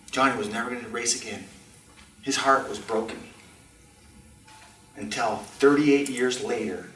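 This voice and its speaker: This contestant at a speech club storytelling contest delivers a theatrical tall tale to a live crowd, his voice a little high and sharp, his pauses dramatic and deliberate. A distant microphone in an indoor community meeting room picks up roomy echo and a faint layer of noise.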